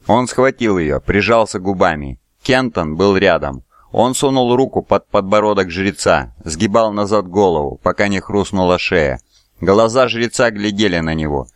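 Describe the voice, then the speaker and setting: A man narrates an audiobook in a steady, measured way. His voice sits very low. The recording is dry and close, with no room sound. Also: clear, resonant tone, dry recording. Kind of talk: scripted narration.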